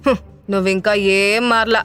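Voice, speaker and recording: A woman voicing an angry, proud older father who talks harshly and shouts, in an audio drama with faint music behind. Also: medium pitch, flat delivery, normal speed, smooth, natural voice.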